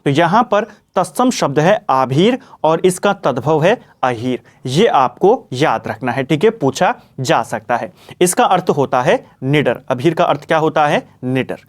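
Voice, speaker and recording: Young guy, high voice, going through quiz questions like a tutor, keeps saying remember this. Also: expressive, unhurried. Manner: explanatory, repeats "ठीक है" and "ये आपको याद रखना है". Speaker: online exam-prep teacher. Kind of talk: Hindi grammar lesson.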